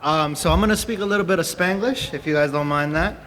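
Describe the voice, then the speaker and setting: A man's voice: a little high, fast talker, fairly bright tone. A young man from Peru giving an earnest personal talk to a convention audience, telling his story with frequent fillers. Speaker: speaker at a convention. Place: convention hall. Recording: distant mic in a reverberant hall.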